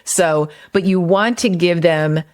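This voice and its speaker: With a lowish, slightly mellow voice and a slow pace, a woman hosts her own podcast and chats about marketing ideas using everyday examples. She works as a copywriter and was previously a personal trainer.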